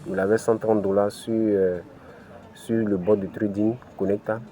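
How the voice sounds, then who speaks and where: A crypto channel host with an African French accent guides viewers step by step through a screen-recorded tutorial, leaning heavily on "ok" and "voilà." His fairly low voice is mellow and flat, and he takes his time. There's a little hiss or hum in the audio.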